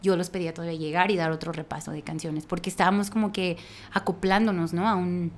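A woman with a Mexican accent, a worship leader, telling a story in lively conversation, laughing often and restarting her phrases with emphasis. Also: lowish voice, quick pace.

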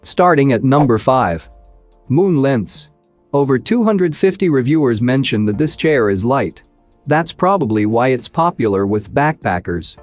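A man's voice: medium pitch, big pitch swings, measured pace, no echo, faint music behind. Man reading a product countdown. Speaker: product review narrator. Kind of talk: scripted voice-over narration.

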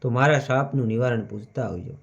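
A man's voice: mid-range voice, fast, creaky, voice pushed down, close to an everyday voice. A man voicing a sorrowful cursed mango tree in a spoken devotional story, recorded lo-fi. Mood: plaintive. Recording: dull lo-fi recording.

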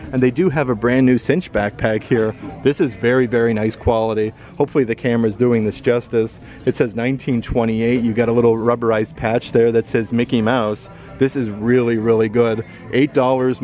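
Male vlogger, mid-pitched, cheerful store walkthrough, handheld camera mic indoors. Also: a little mellow. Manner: upbeat, enthusiastic, reads out prices. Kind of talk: walkthrough shopping vlog narration. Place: indoor retail outlet store. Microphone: handheld camera mic, filming himself browsing.

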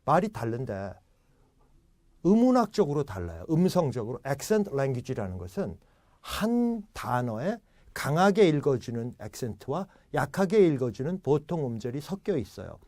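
Animated male English lecturer. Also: medium pitch, moderate pace, no echo. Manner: animated, acts out example dialogues. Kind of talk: classroom lecture.

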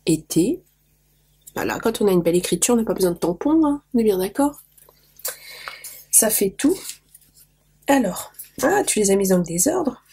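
A woman's voice: medium pitch, sing-song, moderate pace, long pauses, mellow, breathy edge. A woman losing her voice, chatting casually to viewers as she opens mail and gushes over small details. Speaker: craft vlogger opening mail. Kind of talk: casual show-and-tell to viewers.

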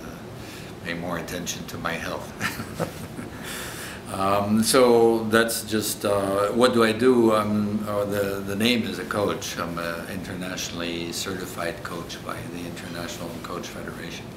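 A man in his sixties with a French accent speaks in a very low, deep voice, earnest and thoughtful as he searches for his words. The room around him rings noticeably, and a steady low rumble hums underneath. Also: unhurried, echoey room. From Egypt. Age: 60s. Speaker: coach. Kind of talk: reflective interview answers. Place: indoor hotel room.

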